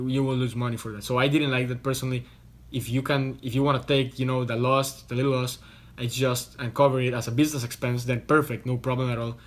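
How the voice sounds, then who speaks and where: A young man from Costa Rica, talking to camera from a hotel room. His explaining is loose and chatty, full of restarts and repeated words, with a voice sitting at an ordinary middle pitch. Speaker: online business vlogger.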